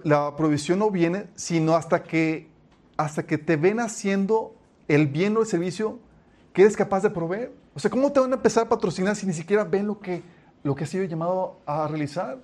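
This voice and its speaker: A man's voice: sits high, fairly quick. A young man preaching a sermon, telling stories and calling his listeners "chicos". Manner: addresses listeners as "chicos", lively storytelling.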